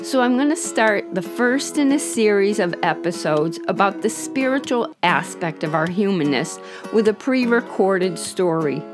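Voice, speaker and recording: A female podcast host narrates a story calmly, gently, and at a measured pace, her voice slightly hoarse because she's under the weather. She speaks in a mid-range voice over music.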